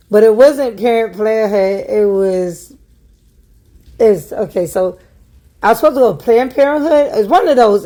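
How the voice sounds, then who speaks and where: A young adult woman telling a personal story in a casual, chatty storytime vlog, acting out what people said and laughing at herself. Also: mid-range voice. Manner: chatty, animated, acts out quoted voices, laughs at herself. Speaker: vlogger telling a life story.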